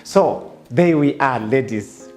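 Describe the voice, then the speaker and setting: A man hosts a panel discussion as a pastor. He talks very slowly and deliberately, pausing often on "uh". Faint music sits under his voice. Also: medium pitch, animated, darkish tone. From Zimbabwe. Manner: slow, measured, with frequent "uh" pauses. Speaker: pastor hosting a parenting show.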